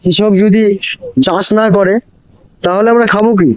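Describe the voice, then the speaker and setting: A man's voice: sits high, fairly even intonation, moderate pace. A man chats to viewers as a motorcycle vlogger, explaining and advising with repeated phrases, his voice enclosed inside a helmet. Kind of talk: casual riding vlog chat addressed to viewers. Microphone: moto vlogging helmet microphone.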